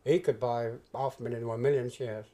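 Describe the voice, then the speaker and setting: Being interviewed for an oral history, a retired stock jobber, older and British, looks back on his past in a conversational, hesitant manner, repeating phrases to stress them. His medium-pitched voice sounds steady, brisk and warm.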